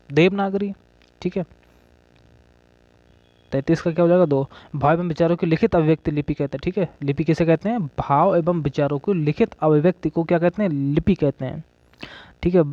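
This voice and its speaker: A man's voice: fairly high pitch, dark tone, no room sound. A man teaching an exam-prep grammar lesson, asking questions and then answering them himself, checking in with "okay" again and again. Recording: dull lo-fi audio.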